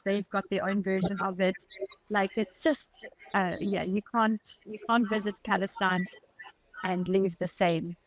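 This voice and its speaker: A woman's voice: medium pitch, rough recording. Earnest South African woman telling her story. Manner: earnest, reflective, talks in short halting bursts. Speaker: podcast guest. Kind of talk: personal storytelling in an interview.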